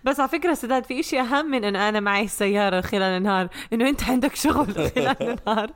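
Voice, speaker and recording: A woman's voice: on the high side, rapid-fire. A woman with a Levantine Arabic accent, co-hosting a podcast in casual chat. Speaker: podcast co-host.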